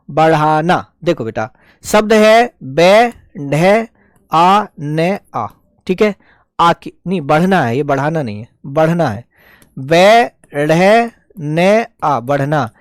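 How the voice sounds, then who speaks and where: A man's voice: high-pitched, no room sound, studio quality. A man teaching a live online shorthand class, explaining each stroke step by step and patiently answering his students.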